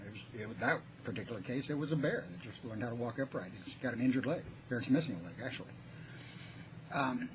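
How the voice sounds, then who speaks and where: A man's voice: medium pitch, rough recording. A man presenting in casual, unscripted, conversational talk, explaining things with a sceptical manner. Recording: noticeable background noise.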